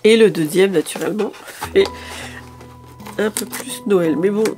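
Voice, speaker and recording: A woman's voice: mid-range voice, a little slow, music in the background. A woman chatting casually through a shopping haul video, a little tired, hesitant, with many fillers and restarts. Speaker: lifestyle vlogger.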